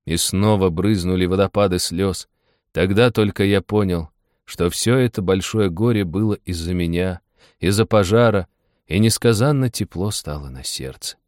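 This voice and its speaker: A man narrating an audiobook, telling the story with lively, expressive delivery. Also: low voice, moderate pace, dry recording, studio quality. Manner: lively storytelling with voiced asides.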